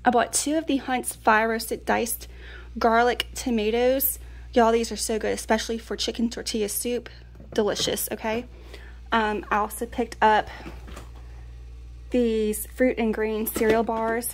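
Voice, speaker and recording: Woman, middle-aged, chatty haul talk, slightly high pitch. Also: flat delivery, a little slow. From Louisiana. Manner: chatty, keeps checking in with the viewers. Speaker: vlogger. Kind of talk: casual pantry haul chat.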